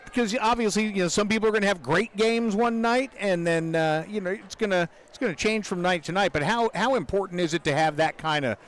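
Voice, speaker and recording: Brief: high-pitched man interviewing a coach, chatty and meandering, lots of "you know". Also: a little fast, few pauses. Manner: rambling questions, frequent "you know" and agreeable interjections. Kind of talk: postgame interview.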